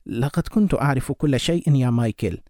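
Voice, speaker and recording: Give me a man voicing a sorrowful young married woman, held back, in a mellow tone. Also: medium pitch, fairly quick, no room sound, clean studio sound, close to an everyday voice. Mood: troubled.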